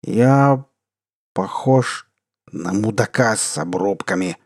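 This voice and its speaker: A man's voice: medium pitch, expressive, gravelly, dark tone, dry recording, studio quality, exaggerated voice. A man voicing a drunk, bitter middle-aged theatre director who slurs and wails. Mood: drunk self-pitying. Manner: slow, tearful, wailing. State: drunk, slurring.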